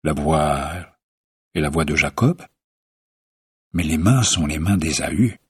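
A man voicing an elderly blind father giving a blessing, in a measured, solemn manner. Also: a bass voice, animated, slightly rough, no room sound, studio quality, voice pushed down, full character voice. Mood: questioning.

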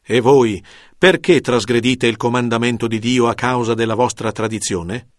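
A man reading the words of Jesus as a calm male teacher in a measured, solemn scripture reading. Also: mid-range voice, dry recording, clean studio sound, close to an everyday voice.

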